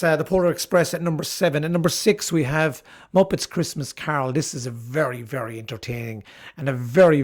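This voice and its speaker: A middle-aged man hosting his own channel, talking casually and enthusiastically about favourite films, with frequent fillers and restarts. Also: medium pitch. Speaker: channel host reviewing films. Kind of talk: casual video commentary.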